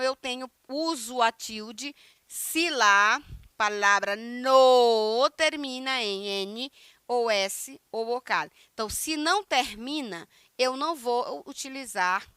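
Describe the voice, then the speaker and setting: Bright, crisp Brazilian woman teaching Spanish. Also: fairly high pitch, dry recording, studio quality. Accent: Brazilian Portuguese. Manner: explains step by step, checking in with "tá?" and "certo?"; reads Spanish examples slowly and deliberately. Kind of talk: recorded online grammar lesson.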